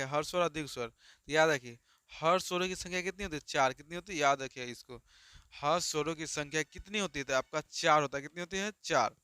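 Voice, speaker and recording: A male teacher drills students through a grammar lesson, repeating questions and answering them himself. His voice is bright and crisp, and the recording is close and dry. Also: a little high, no echo. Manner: repetitive call-and-response questioning.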